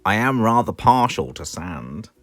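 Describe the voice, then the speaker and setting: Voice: medium pitch, big pitch swings, a little slow, faint music behind. A British narrator voicing a silly, cheerful man who talks nonsense matter-of-factly in a storybook. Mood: cheerfully absurd.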